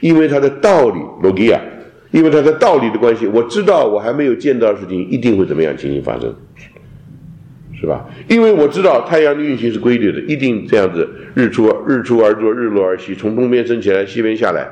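A man teaching a theology class, lecturing in an animated way and dropping in English terms. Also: medium pitch, fast talker. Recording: roomy echo.

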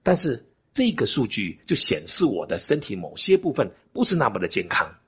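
Older male pastor, very husky voice, lively swooping pitch, preaching emphatically with rhetorical questions; dull lo-fi recording. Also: moderate pace. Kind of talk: sermon.

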